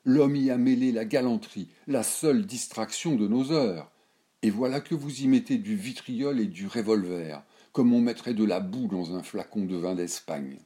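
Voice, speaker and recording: A proud old noblewoman in a storybook, lecturing with scorn and worldly certainty, as a man reads her in his own low, dark voice. Her speech is declamatory and slow-built. The tone stays mellow and deep. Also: lightly acted. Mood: indignant. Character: indignant aristocratic old grandmother, worldly and scornful.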